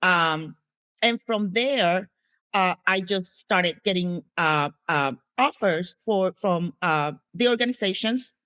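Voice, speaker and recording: A woman's voice: on the low side, a bit bright, dry recording. A woman from Puerto Rico with a Puerto Rican accent, Spanish being her first language, answering interview questions as a guest with many fillers and restarts. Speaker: guest, HIV educator.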